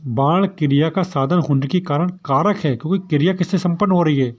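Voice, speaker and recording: A man's voice: a little high, a little fast. A man teaching a grammar lesson for exam preparation, who keeps asking questions and answering them himself. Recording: dull lo-fi sound.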